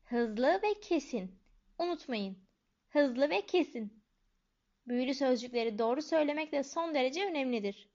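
A tiny, excitable old wizard teacher, put on by a woman reading aloud, squeaks out each instruction slowly and firmly. The high voice comes through a dull, lo-fi recording. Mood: instructing. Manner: squeaking, slow and emphatic.

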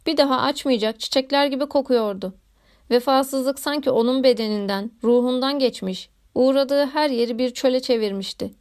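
A woman reading a classic novel aloud in a measured, literary narration. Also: sits high, a little mellow. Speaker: audiobook narrator. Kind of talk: scripted narration.

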